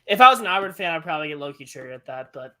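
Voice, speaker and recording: A man from Texas co-hosting a casual sports commentary stream, excitable and playfully scolding his partner. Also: a little high, racing. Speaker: co-host and commentator.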